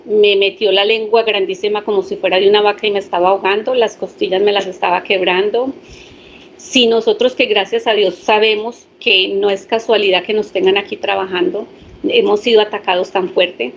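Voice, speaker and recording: A woman's voice: mid-range voice, a little hiss or hum. A woman, a hypnotherapist earnestly sharing her personal story with a small group.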